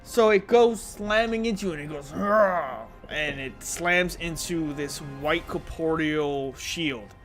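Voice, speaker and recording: Unhurried yet with hardly any pauses, a man with a somewhat high, slightly bright voice acts as game master for a tabletop RPG. He narrates and referees with playful drama and casual wording while music plays clearly in the background.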